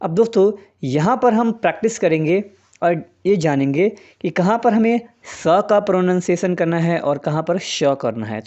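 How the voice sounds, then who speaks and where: A man's voice: high-pitched, lively intonation, moderate pace, a little mellow, lo-fi sound. A man teaching English pronunciation in Hindi, patiently spelling out letters and saying example words one by one. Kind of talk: spoken English lesson in Hindi.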